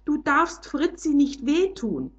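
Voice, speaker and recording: A desperate little boy, acted by a woman storyteller who begs in high, pleading cries. His voice sits well above the narrator's own. The sound is dull and lo-fi. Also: very animated, very slow, exaggerated voice.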